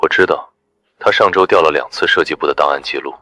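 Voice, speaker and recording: Cool confident exec, deep, bright edge, husky, dry close sound. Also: male voice, fast, heavily acted. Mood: assured. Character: cool, confident male executive ally.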